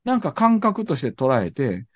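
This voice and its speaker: Kansai man, lively rising-and-falling pitch, dry close sound, ponders as he talks. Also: moderate pace, no echo. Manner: thoughtful, searching for words. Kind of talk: reflective discussion.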